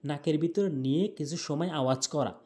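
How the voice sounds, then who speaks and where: A man's slightly high, mellow voice guides a Quran recitation lesson: he spells out the letters and vowels one by one, then slowly chants the verse, drawing the notes out long.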